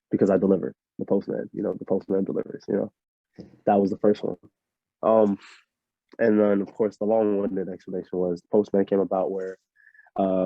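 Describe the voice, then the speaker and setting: A young man from Miami, a fighter answering interview questions in a relaxed, rambling way full of fillers. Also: deep voice, dry recording. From Miami, USA. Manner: laid-back, rambling with many fillers. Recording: muffled lo-fi audio.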